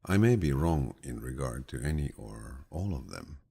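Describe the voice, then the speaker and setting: A man serves as the narrator for an audiobook of quotations, reading his script at a slow pace. The low, husky, deep voice sounds grandfatherly, and his delivery is calm and soothing.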